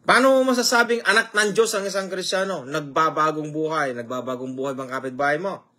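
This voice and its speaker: Guy preaching a sermon, kinda high voice, keeps asking the crowd questions, slips english in. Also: fairly quick, pushed and bright. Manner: emphatic, fires rhetorical questions at listeners; mixes English phrases into his preaching.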